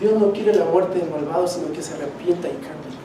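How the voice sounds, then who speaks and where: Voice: mid-range voice, brisk, background noise. A preacher delivering a sermon with emphatic repetition and direct questions to the congregation. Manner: emphatic, repeats key phrases, asks the congregation direct questions. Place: church sanctuary. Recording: echoey church from a distance.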